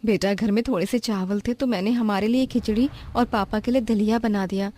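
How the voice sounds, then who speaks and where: A woman voicing a gentle, patient mother who sells vegetables, in a cartoon story, speaking in a soft, reassuring way. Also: medium pitch, fairly even intonation, fairly quick, close to an everyday voice. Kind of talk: cartoon voice acting.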